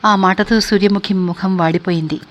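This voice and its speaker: A woman storyteller narrating a classic novel in a steady, measured reading voice. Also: mid-range voice, dull audio, a little hiss or hum.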